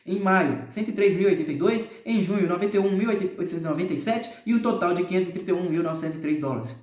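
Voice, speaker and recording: Male reader with a Brazilian accent and a high-set voice. Casual, hesitant delivery of long figures, with crude asides. Echoey room sound. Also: fast talker, darkish tone. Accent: Brazilian Portuguese. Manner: reads long figures aloud with frequent hesitations and offhand, profane asides. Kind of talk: casual reading aloud of a nonfiction book.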